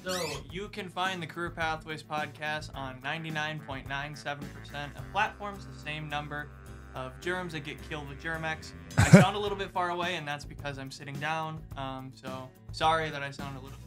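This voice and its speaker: Male producer with a higher voice, jokey and chatty, echoey and distant from the mic, with music behind. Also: normal speed. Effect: echoey, distant sound from sitting away from the mic. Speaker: podcast producer. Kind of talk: casual podcast sign-off.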